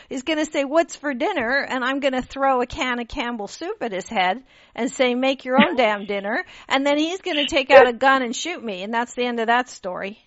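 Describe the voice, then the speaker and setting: A woman from Pakistan hosting a radio interview, telling stories in an animated way with frequent restarts. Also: high voice, no echo. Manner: animated storytelling with laughs and restarts. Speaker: radio show host. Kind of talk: casual interview chat. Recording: dull lo-fi radio audio.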